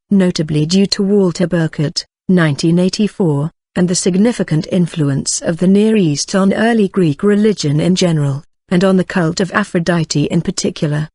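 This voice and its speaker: A synthetic-sounding, medium-pitched voice reads an encyclopedia article, holding the same even delivery even across section headings and now and then mispronouncing names. The recording is studio quality with no echo.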